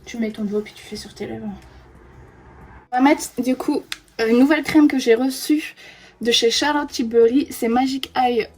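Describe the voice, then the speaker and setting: Indoors, a young woman in her twenties who vlogs about beauty talks casually while making up a friend, punctuating each product with "hop." Her voice is on the high side and a little mellow, at a moderate pace.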